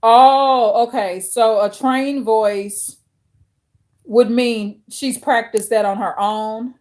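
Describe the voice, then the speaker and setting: A woman hosting a livestream chats casually with viewers as she reads their chat, speaking slowly in a deep, authoritative, slightly mellow voice with fairly even intonation. She thinks aloud with fillers and restarts and talks to the audience directly.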